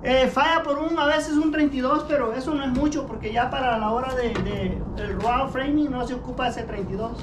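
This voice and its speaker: A man talks through building a workbench outside his shed and explains each step plainly. He keeps checking in with the viewer as he goes. The sound is echoey, with steady noise behind him. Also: very high-pitched, brisk, hardly any pauses. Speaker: home repair vlogger. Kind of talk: casual how-to narration. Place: outdoor workshop by a shed.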